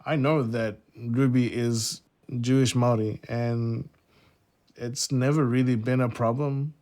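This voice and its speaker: A man's voice: mid-range voice, fairly even intonation, takes it slowly, a little mellow. A man, a jazz musician speaking thoughtfully in a documentary interview, often hedging with "sort of" and "like". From born in Singapore, raised in New Zealand.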